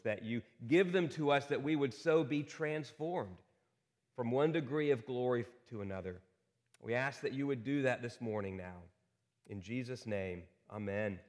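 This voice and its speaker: A man's voice: medium pitch, big-room sound. A man preaching a sermon as pastor at a pulpit microphone in a church, earnest and repeating key lines with rhetorical questions. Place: church sanctuary.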